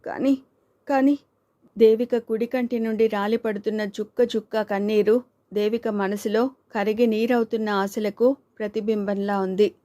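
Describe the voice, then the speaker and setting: A woman reading an audiobook in steady scripted narration on a close mic. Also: medium pitch, moderate pace, dry recording. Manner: steady storytelling.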